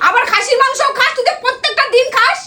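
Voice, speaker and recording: A woman with a Bengali accent scolding her husband loudly and insultingly in a comedic quarrel sketch. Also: very high voice, very noisy. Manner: scolding, insulting, loud and fast.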